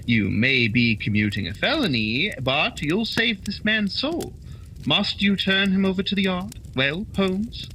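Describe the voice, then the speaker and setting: An actor playing an earnest, kindly doctor, a detective's loyal companion, in a radio play. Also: male voice, high-pitched, lively intonation, measured pace, bright, forceful tone, a little hiss or hum, full character voice, low-quality recording. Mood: earnest persuading. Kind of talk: holiday radio play acting.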